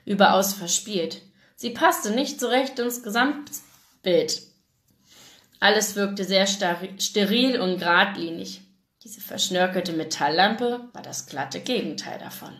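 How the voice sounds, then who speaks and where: A woman's voice: mid-range voice, lively intonation, measured pace, fairly bright tone. A woman with a German accent giving a live reading of a romance novel, narrating in first person and acting out the dialogue. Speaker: reader of a novel. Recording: echoey room.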